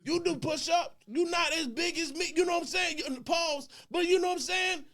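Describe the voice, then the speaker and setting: A man's voice: very high-pitched, normal speed, creaky, fairly bright tone. A man bantering casually in a rowdy, exasperated frat-bro manner, full of slang and swearing. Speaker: panelist on a group talk show.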